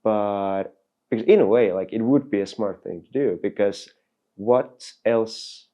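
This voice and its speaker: This podcast host's voice is lowish, mellow and unhurried. Over a relaxed interview, he asks drawn-out, meandering questions that dig for answers.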